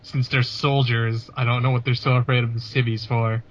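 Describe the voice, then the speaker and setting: A man's voice: mid-range voice, little pitch movement, normal speed. Musing man player, dull lo-fi sound. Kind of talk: casual tabletop play.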